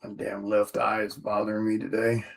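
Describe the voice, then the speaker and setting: A man's voice: lowish voice, completely flat delivery, normal speed, gravelly. A tired man who is a comic artist, chatting casually on a livestream while he sorts orders and mutters the items to himself.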